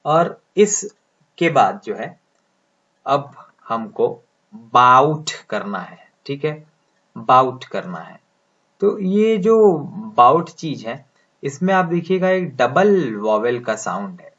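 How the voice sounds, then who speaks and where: A male teacher explains English vowel sounds at an unhurried, deliberate pace. He stretches out each sound while he writes it out. His voice sits at an ordinary pitch, and the recording sounds dull and lo-fi. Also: very animated, a bit bright. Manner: slow, deliberate, drawing out sounds as he writes symbols. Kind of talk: explaining lesson, speaking Hindi.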